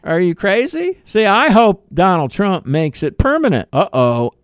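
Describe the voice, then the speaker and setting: A man's voice: sits high, sing-song, normal speed, clear, resonant tone, dry recording, clean studio sound. A middle-aged man from the United States hosting a political commentary monologue, emphatic and full of rhetorical questions. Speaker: radio talk show host.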